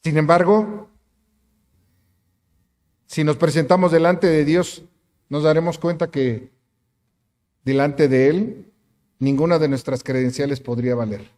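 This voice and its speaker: A man's voice: on the high side, steady tone, unhurried, pauses often, a little mellow, long reverb tail. A man preaching a sermon as pastor, emphatic, asking the congregation rhetorical questions. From Mexico. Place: church sanctuary.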